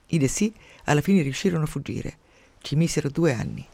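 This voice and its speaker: A man narrating a story for radio in a dry, measured way. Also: fairly high pitch, big pitch swings, vocal fry, warm tone, no echo.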